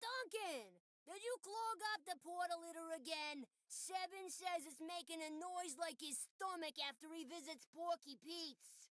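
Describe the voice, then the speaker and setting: Snappish, bright-voiced bossy henchwoman cat. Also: very high voice, unhurried, few pauses, no echo, studio quality. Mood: irritated. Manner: snappish, put-upon. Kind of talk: cartoon game acting.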